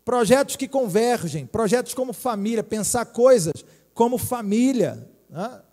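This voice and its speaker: A Brazilian man in his forties, a pastor preaching a lively, joking sermon and speaking straight to his congregation. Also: very high voice, a little slow, big-room sound. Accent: Brazilian Portuguese. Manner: lively, jokey preaching with direct appeals to the congregation. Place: church hall.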